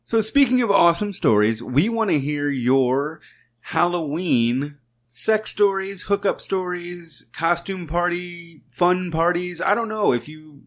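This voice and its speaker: A man's voice: sits high, animated, measured pace. Joking male podcast co-host. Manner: profane, joking, storytelling. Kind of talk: casual chat.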